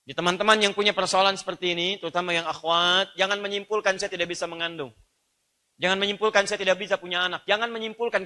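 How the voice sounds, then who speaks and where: High-voiced lively Indonesian preacher. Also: male voice. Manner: lively preaching, rising emphatic phrases then soft explanatory asides. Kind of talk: sermon.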